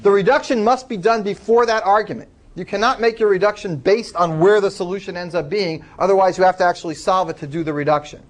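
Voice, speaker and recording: A man's voice: sits high, quick pace, few pauses. A man lecturing a class, explaining step by step and taking student questions.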